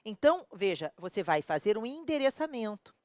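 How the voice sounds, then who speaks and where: A woman's voice: mid-range voice, big pitch swings, moderate pace, darkish tone, dry recording, clean studio sound. A woman with a Brazilian accent teaching a law exam prep video lesson, colloquial and full of rhetorical questions to her students. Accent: Brazilian Portuguese. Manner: addresses viewers directly and familiarly.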